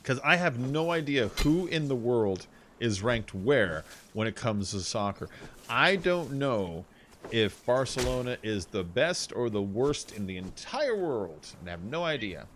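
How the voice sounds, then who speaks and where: Animated, joking streamer guy. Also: medium pitch, measured pace, slight background noise. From United States. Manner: rambling, jokey, laughs often. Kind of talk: casual chat while gaming.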